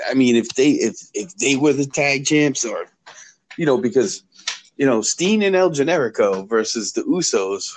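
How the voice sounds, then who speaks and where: A man chatting casually as a podcast co-host, rambling and restarting his sentences often. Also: mid-range voice. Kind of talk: casual chat.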